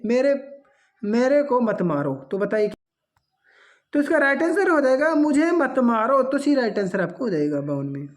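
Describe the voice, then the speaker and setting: Lively woman teaching an exam grammar class. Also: on the high side. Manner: lively, reads out options then corrects them. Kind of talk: exam-prep grammar lesson.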